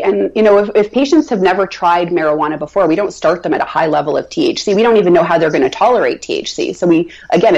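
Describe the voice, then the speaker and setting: Woman nurse chatting on a radio show, kinda low, lots of restarts, muffled recording. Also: darkish tone. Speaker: nurse manager guest. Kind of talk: casual interview talk. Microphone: radio show mic.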